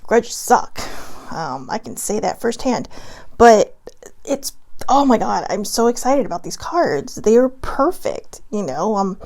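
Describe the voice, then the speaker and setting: A woman raised in Hawaii chats casually from home on a livestream, bubbly and giggly as she rambles through a card reading. Her mid-range voice is darkish in tone, a little slow, and swings widely in pitch.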